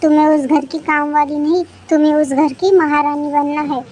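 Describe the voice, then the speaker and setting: A woman's voice: sits high, level tone, normal speed, a little mellow, a little hiss or hum, natural voice. A woman voicing a bossy, meddling mother of the bride. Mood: scheming. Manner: bossy, scheming.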